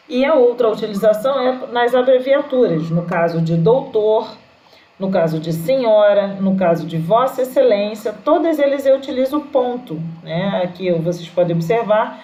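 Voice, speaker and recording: A woman teacher, explaining a grammar lesson slowly and patiently with fillers. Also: medium pitch, a little mellow, roomy sound, low-quality recording.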